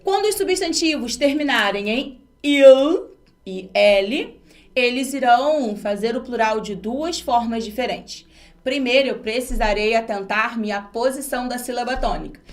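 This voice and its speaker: A woman's voice: fairly high pitch, a little slow. A woman from Brazil teaching an exam-prep grammar lesson, explaining step by step and asking her students rhetorical questions.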